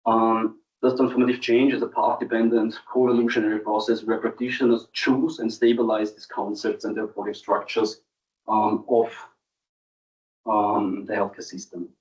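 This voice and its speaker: A man's voice: fairly low pitch, little pitch movement, darkish tone. Distant, hesitant man presenting academic research. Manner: hesitant, halting delivery with frequent ums. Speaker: doctoral candidate presenting thesis defence. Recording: distant mic, dull muffled sound.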